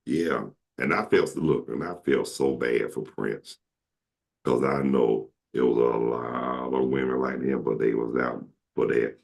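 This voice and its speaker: Speaking at a measured pace with a steady, gravelly and darkish tone, a very deep-voiced host from Atlanta, Georgia leads a casual chat. He tells stories, cracks jokes and drifts into comic impressions.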